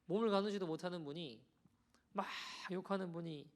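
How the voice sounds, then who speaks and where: A man preaching a sermon as pastor, conversational and animated as he tells a story to the congregation. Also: high-pitched, a little fast. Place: church sanctuary.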